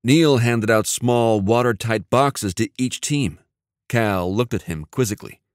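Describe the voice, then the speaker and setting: A man reading a thriller audiobook in an even, measured narration. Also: medium pitch, no room sound, clean studio sound. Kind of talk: scripted narration.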